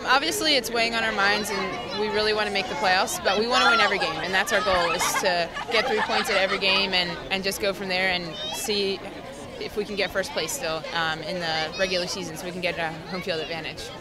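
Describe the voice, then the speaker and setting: A woman's voice: mid-range voice, steady tone, a little fast, hardly any pauses. A young woman, a goalkeeper, speaking cheerfully and enthusiastically after a win, outdoors at night. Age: young adult. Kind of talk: post-game interview. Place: outdoors at a floodlit field at night. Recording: loud stadium crowd behind.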